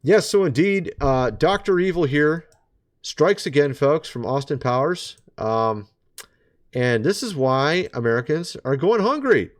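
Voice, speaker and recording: A man's voice: a little high, animated, measured pace. A man talking straight to his viewers in a casual commentary monologue, sarcastic and chatty, and he keeps calling them folks. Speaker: vlogger.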